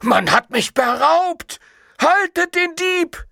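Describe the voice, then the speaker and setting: A man reading a story aloud, voicing a robbed merchant who shouts and curses in despair. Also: extremely high pitch, very animated, takes it slowly, creaky, dry recording, clean studio sound, voice pushed up, full character voice. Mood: shrieking despair. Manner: frantic shouting, cursing.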